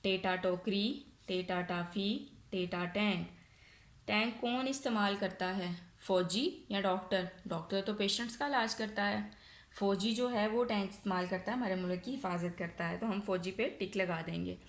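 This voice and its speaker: A woman with a Pakistani accent, a nursery teacher giving a recorded online lesson, asking questions and answering them herself, stretching words out slowly. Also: medium pitch, fairly even intonation. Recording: echoey room.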